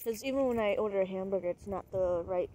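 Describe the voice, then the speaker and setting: A woman's voice: medium pitch, fast talker, dark tone. A woman in casual, unscripted conversation outdoors. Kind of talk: casual chat. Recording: noisy outdoors with traffic.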